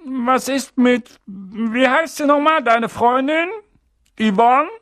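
Shrill scolding aunt, as a male reader puts her on. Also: slow pace, fairly bright tone, full character voice. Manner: snappish, scolding. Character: shrill, cross aunt, middle-aged woman.

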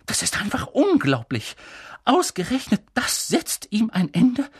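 A reader voicing a stern older female witch professor, high-pitched and urgent, with a husky edge. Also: wildly swooping pitch, measured pace, no echo, clean studio sound, exaggerated voice. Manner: urgent, pressing, high and insistent.

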